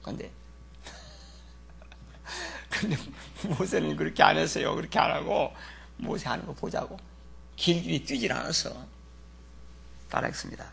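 Man, pastor, high bright husky voice, dramatic sermon delivery. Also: very animated, unhurried, long pauses. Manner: dramatic, shouts in character then drops to near whispers. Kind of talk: sermon with congregation repeating verses.

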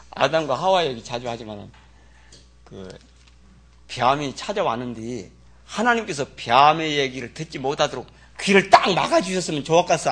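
Animated husky-voiced male preacher. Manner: colloquial, asks the congregation rhetorical questions; swings between loud exclamations and low asides. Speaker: pastor. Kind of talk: sermon.

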